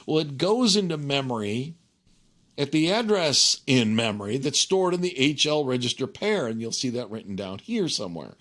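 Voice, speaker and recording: A man with a medium-pitched voice works through a technical lesson as an instructor. He talks conversationally, thinking aloud as he goes and regularly checking that the listener follows. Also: sing-song, normal speed, fairly bright tone. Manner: conversational, checks in with okay and right.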